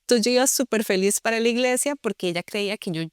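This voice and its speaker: A woman's voice: fairly high pitch, quick pace, smooth, no room sound, clean studio sound. A young woman with a Costa Rican accent, earnestly telling her personal story as an interview guest. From Costa Rica. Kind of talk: personal testimony.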